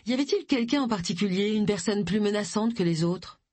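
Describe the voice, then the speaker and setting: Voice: medium pitch, lively intonation, a little fast, darkish tone, no echo, pitched above the performer's own voice, lightly acted. A reader voicing Agatha, a pushy woman sleuth firing insistent questions in a raised voice. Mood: probing.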